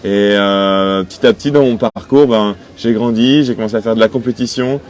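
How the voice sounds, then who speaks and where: Here the same young sailor, a man of twenty-five from Cholet, western France, speaks in a lowish, darkish voice at a fairly quick clip. He's being interviewed on a sailboat in port, chatting through the questions over clear background noise.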